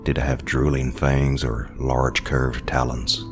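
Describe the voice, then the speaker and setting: Very deep-voiced man narrating horror. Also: little pitch movement, over music. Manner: slow, brooding storytelling.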